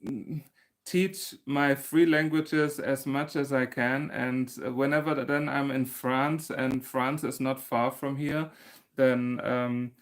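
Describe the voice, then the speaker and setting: On a casual livestream, a male crochet host from Germany responds to viewer comments, laughing often and restarting his phrasing. He speaks slowly and flatly at a mid-range pitch.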